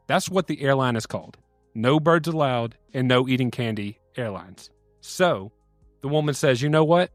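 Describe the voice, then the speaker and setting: A man telling a long story joke in an animated way, his pitch sitting in a middle range. The sound is dry and close, with faint music playing in the background. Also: no echo. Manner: animated storytelling, acts out characters' lines.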